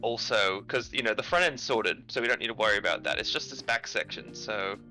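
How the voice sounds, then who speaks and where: A man's voice: lowish voice, brisk, sharp tone, low-quality recording. A man helping build a ship on a game stream, chatting casually with dry jokes and hesitant ums. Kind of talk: casual gaming chat. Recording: faint music behind.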